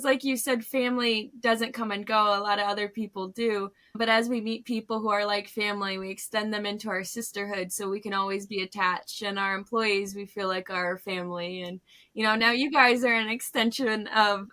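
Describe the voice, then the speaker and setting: A woman's voice: medium pitch, steady tone, normal speed, sharp tone. An American woman from Northern Pennsylvania telling stories in an earnest, reflective way as an interview guest. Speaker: guest, farm business co-founder. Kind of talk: casual interview storytelling.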